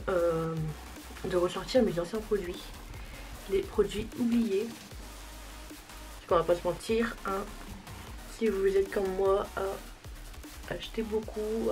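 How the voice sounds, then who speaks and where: A woman's voice: medium pitch, dark tone, poor audio. A young woman chatting casually through a makeup tutorial, self-deprecating and talking while she applies products. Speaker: beauty vlogger.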